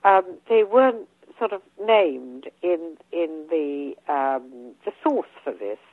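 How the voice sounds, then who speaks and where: An older Englishwoman, a guest author in a casual interview, comes through a tinny phone line with no echo. Her deep, husky voice is going hoarse as she loses it, yet she speaks with a lively rise and fall, hesitating on ums and restarting sentences.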